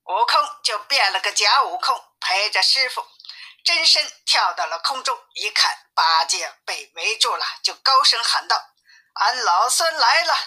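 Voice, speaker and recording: A woman telling a classic tale in a steady, simplified storybook reading. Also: mid-range voice, unhurried. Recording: tinny phone-like sound.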